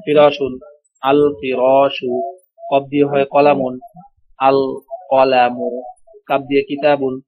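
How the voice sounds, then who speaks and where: A man teaching an Arabic class, speaking slowly and repeating each word for his students to echo. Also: medium pitch, little pitch movement, faint music behind. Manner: slow, drills pronunciation, repeats words for students. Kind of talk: online language class. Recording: dull lo-fi audio.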